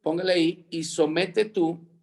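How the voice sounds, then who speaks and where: Man, Bible teacher, high voice, unhurried, dictates fill-in words, video call. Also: fairly even intonation, a little mellow, slight background noise. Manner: slow, repeats dictation for students to fill in.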